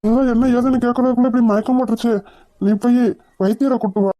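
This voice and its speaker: A woman voicing a calm, reassuring middle-aged husband in a cartoon. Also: on the high side, lightly acted. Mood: calm, concerned. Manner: reassuring, measured. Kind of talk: cartoon voice acting.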